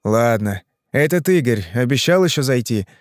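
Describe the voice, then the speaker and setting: A man's voice: mid-range voice, lively intonation, moderate pace, no room sound, studio quality, lightly acted. A man voicing a stern, bearded male hypnotist in an audiobook, asking curt, demanding questions. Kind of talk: audiobook reading.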